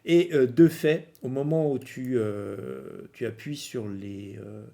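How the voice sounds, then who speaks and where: A man's voice: mid-range voice, fairly even intonation, slow, gravelly, warm tone. A man acting as game master, improvising narration for a tabletop game and often searching for his words.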